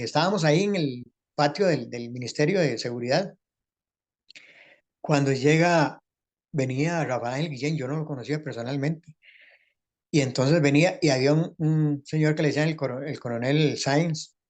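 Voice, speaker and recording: A man's voice: a little high, normal speed. An older man with a Costa Rican accent, a former radio actor who reminisces as a guest and rambles from one anecdote to the next with many restarts.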